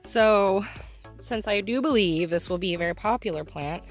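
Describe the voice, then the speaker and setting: A woman talks through a casual vlog from her homestead garden, rambling and emotional, with frequent laughter. Her voice sits at an ordinary middle pitch. Soft music plays faintly underneath. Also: moderate pace. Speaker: homestead nursery owner.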